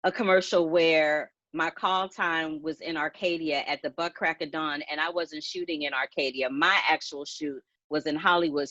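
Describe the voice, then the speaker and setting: A woman's voice: deep voice, a bit bright, no echo. An actress, upset and crying as she tells of being mistreated on set, speaking on a video call. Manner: earnest, upset, voice rising with emotion. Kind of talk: emotional personal account on a video call. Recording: dull lo-fi video call audio.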